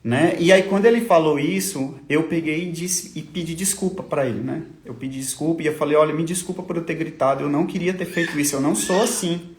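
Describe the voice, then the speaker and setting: A man, a father, telling his family's hard story in a halting, tearful way, often repeating his words. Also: on the high side. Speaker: father of a sick child. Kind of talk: emotional personal testimony on a livestream. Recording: echoey room.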